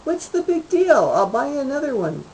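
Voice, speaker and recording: A woman reading the lines of an irritated, defensive husband in a short story, in a flat, matter-of-fact way. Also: high-pitched, normal speed, slight background noise, pitched above the performer's own voice, low-quality recording. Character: irritated middle-aged husband, defensive and wry.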